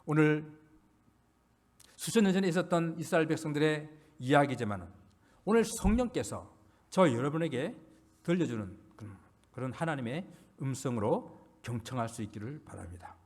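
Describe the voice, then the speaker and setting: A man preaching a Sunday sermon as a pastor, earnest, building emphasis and then dropping low at the ends of phrases. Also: expressive, normal speed, a little mellow. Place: church sanctuary.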